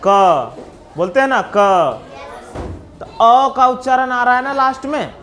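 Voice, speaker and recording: A man's voice: extremely high pitch, slow, fairly bright tone, a little hiss or hum. A man with a Bihari accent teaching young children, patiently spelling out letters and sounds one by one. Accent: Bihari Hindi. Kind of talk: slow classroom explanation for young children.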